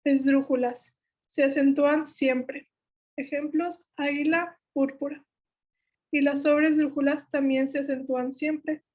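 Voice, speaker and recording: Young woman, Mexican Spanish accent, high voice, even monotone, methodical workshop teaching. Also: a little slow. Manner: steady list-like delivery, self-corrects. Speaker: workshop instructor. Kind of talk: explaining spelling rules.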